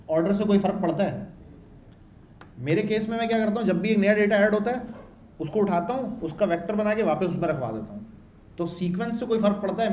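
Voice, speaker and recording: A man's voice: sits high, a little mellow, roomy sound, slight background noise. A man walking through a coding tutorial in a chatty way, asking and answering his own questions and repeating his points. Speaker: programming instructor. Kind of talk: screen-share coding tutorial.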